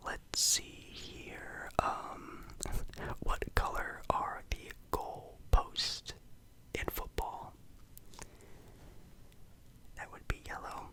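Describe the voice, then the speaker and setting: A man's voice: drawn-out words, pauses often. Man whispering ASMR right in your ear. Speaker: ASMR video host.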